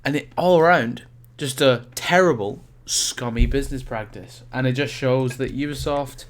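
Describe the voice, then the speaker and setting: A man's voice: medium pitch, normal speed. A young man co-hosting a casual podcast, nasal and stuffed up from a cold, rambling and stumbling over his words. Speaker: podcast co-host.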